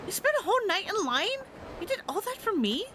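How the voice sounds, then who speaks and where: A sweet, excitable young woman, as a woman puts her on gushes in a high, swooping voice. She plays a girlfriend in a story game. Hiss runs under the recording. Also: fairly quick. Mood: touched. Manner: high gushing voice.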